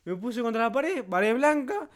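A young Argentine man with a fairly high voice co-hosts a casual podcast chat. He tells stories in quick, animated, slangy bursts. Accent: Argentine Spanish. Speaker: podcast co-host.

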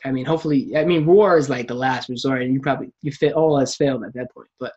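Man, podcast host, husky voice, dull lo-fi sound, reflective casual chat. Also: medium pitch, quick pace, darkish tone. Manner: reflective, frequent restarts and acted-out quotes.

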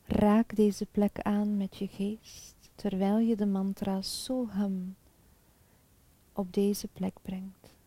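A woman guiding a chakra meditation in a soft, calm, half-whispered spa-like voice with long pauses. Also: medium pitch, dry recording. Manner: slow, calm, soothing, with pauses. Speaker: meditation guide.

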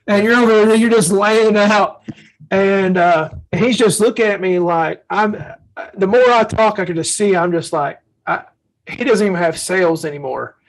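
A man with a high-pitched voice co-hosts a faith-based parenting podcast at a normal pace, and the audio is poor. He speaks earnestly, telling stories from his own life as a father and acting out the quotes.

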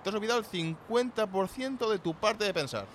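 Fast-talking fussy man. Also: high-pitched, a bit bright, a little hiss or hum. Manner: fussy, nagging about costs. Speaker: sketch comedy performer. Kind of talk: comedy radio sketch.

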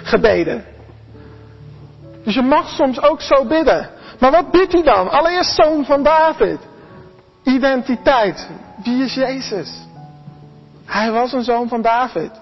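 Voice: sits high, lively intonation, unhurried, in a large hall. Earnest preacher, slightly dull recording. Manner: earnest, addresses the congregation directly, acts out quoted voices; repeats and restarts words. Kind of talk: sermon. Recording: slightly dull recording with faint music behind.

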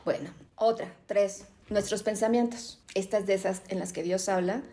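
A middle-aged woman with a Mexican accent teaching a Bible class, an animated storyteller who keeps asking "¿no?". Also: medium pitch, normal speed. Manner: animated storyteller, tags lines with "¿no?".

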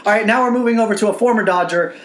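A man co-hosting a podcast in casual sports chat, animated and profane, laughing often. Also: high voice, rapid-fire, reverberant, slight background noise. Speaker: podcast co-host.

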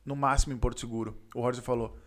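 A man from southern Brazil with a Gaúcho accent, telling a story in casual chat, animated and slangy, acting out the voices of the people in it. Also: mid-range voice, fast talker. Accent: Gaúcho Brazilian Portuguese. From Rio Grande do Sul, Brazil.

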